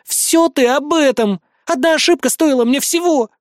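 Male reader as hysterical immortal goddess, high-pitched, shouting, dry close read. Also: brisk, no echo. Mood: indignant. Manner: shrill, shouting, indignant. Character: hysterical immortal goddess, proud female warrior. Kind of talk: audiobook character voice.

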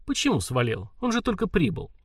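A sneering steel-toothed thief, as a male reader puts him on, mocking in prison slang with a lively, rising pitch. The recording is dry and close. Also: brisk, breathy edge, no room sound, recorded from a distance, exaggerated voice.

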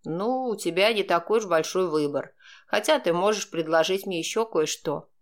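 A woman voicing a calm, mocking, manipulative man who blackmails, speaking slowly in a cold, sneering way. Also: fairly low pitch, natural voice. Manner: slow, sneering, coldly composed.

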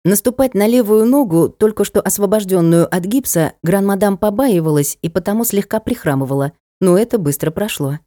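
Female audiobook narrator with a warm, lowish tone, dry booth sound, lively character reads. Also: a little fast, few pauses, no echo. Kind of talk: reading a novel aloud.

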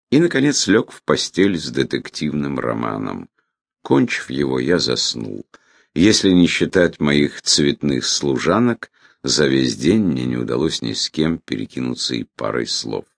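A man reading a reflective memoir as audiobook narration, in a measured way with phrase ends that trail off. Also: low-pitched, creaky, no echo, clean studio sound.

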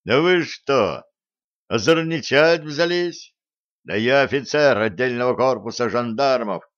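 A man voicing a stern middle-aged gendarme captain with a resonant, trained voice who barks drawn-out orders. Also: mid-range voice, expressive, a bit bright. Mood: barking, indignant. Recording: slightly dull recording.

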